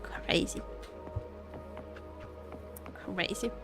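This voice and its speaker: A woman livestreaming a game gives casual, playful reaction commentary to her chat, often repeating words and phrases. Her fairly bright voice draws out words, with faint game music in the background.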